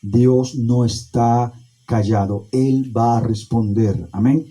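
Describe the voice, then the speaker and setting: A man preaching a sermon as pastor, with emphatic pauses and repetition. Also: mid-range voice, steady tone, mellow, slightly rough, low-quality recording.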